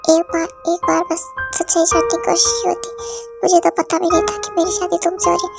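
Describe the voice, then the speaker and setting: A woman voicing a hot-tempered young wife in an amateur fan-dub drama reading, scolding in a rapid tirade full of insults. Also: very high voice, monotone, creaky, over music. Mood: hurt.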